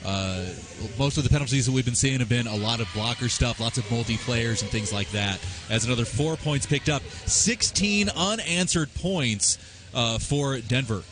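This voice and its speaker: A man giving chatty, energetic live roller derby commentary, with many fillers and restarts. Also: medium pitch, moderate pace, music in the background. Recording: live arena crowd behind. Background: arena crowd.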